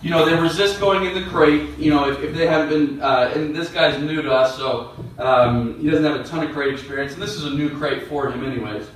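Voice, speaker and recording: Man teaching calmly in a very echoey room. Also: on the high side, fairly quick, slight background noise. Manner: calm, explanatory, coaxing commands to a dog. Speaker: dog trainer. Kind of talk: instructional demonstration. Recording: very echoey room, distant mic.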